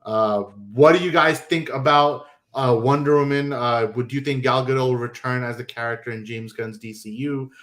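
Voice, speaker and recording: A man hosting a podcast and chatting casually, animated and quick, with many restarts. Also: mid-range voice. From New York. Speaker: podcast host. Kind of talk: casual chat.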